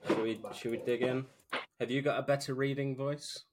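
A man's voice: mid-range voice, fairly even intonation, moderate pace, background noise. A British man co-hosting casually, talking in an informal, joking way. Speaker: podcast co-host. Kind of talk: casual chat with reading aloud.

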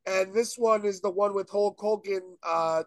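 A man's voice: high voice, normal speed, no room sound. A man co-hosting a casual podcast, telling stories in a loose, rambling way and breaking into big laughs. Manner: excitable, laughs hard, swears, loose rambling storytelling. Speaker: podcast co-host. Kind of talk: casual chat.

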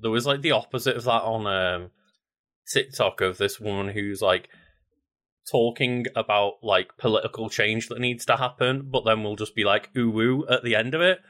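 A man co-hosting a podcast in casual chat, rambling with many filler words and relaxed swearing. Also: fairly low pitch, moderate pace. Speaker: podcast co-host.

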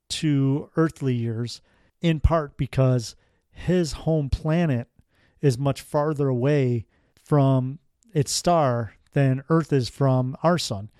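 A man's voice: mid-range voice, slow pace, warm tone, clear, resonant tone, no echo, clean studio sound. A man hosting a podcast, telling a strange story in a casual, rambling way with wry asides. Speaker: podcast host.

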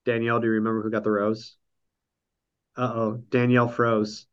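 A man's voice: medium pitch, flat delivery, moderate pace, smooth, lo-fi sound. A man with a nasal voice, hosting a casual podcast chat over an online call, rambling through a recap with lots of ums and dry jokes. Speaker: podcast host recapping a reality show.

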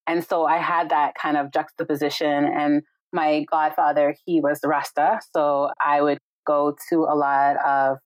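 Over a video call, a low-voiced Jamaican guest who teaches yoga and meditation speaks with flat delivery at a measured pace and few pauses. She's warm and reflective, frequently saying "right?" and "like", and the audio is poor with no echo.

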